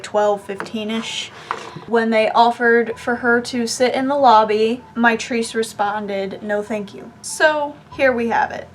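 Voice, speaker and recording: A young woman talks through a true crime case in a loose, chatty way, full of fillers. Her voice sits a little high, and a faint hiss runs under it. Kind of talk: casual storytelling while doing makeup. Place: home, indoors.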